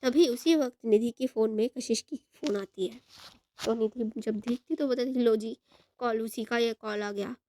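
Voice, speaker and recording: A young woman telling a love story in a chatty, halting way. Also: fairly high pitch, dark tone, a little hiss or hum. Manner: chatty, halting, retells both sides of the phone call. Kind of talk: storytelling narration.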